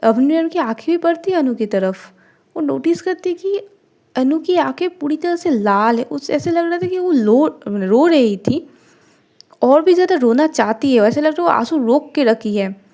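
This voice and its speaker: High-voiced woman telling a love story. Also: expressive, normal speed, dark tone. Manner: conversational, filler "ना", repeats and restarts. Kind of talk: casual spoken story narration.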